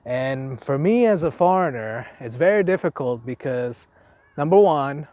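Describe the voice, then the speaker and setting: This young man's vlog about living abroad as a foreign teacher is loose and unscripted, peppered with restarts and fillers. He speaks with an Indonesian accent, a medium-pitched, slightly mellow voice, lively intonation and a slightly slow pace.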